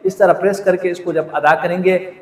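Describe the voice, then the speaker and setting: A man's voice: high-pitched, steady tone, darkish tone, slight background noise. A man teaching Quran recitation, patiently explaining how to pronounce letters and repeating each sound aloud. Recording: echoey room with long reverb.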